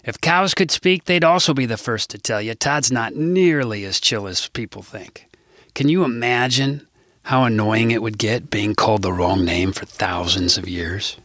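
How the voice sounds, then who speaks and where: Bright-voiced man reading his comic book. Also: fairly low pitch, normal speed, no echo, studio quality. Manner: wry, irreverent asides to the listener. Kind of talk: comic audiobook narration.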